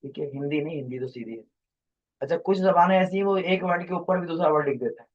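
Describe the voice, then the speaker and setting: A man's voice: fairly high pitch, quick pace, muffled recording. A man teaching a class, lecturing in a rambling, explanatory way and quizzing his students.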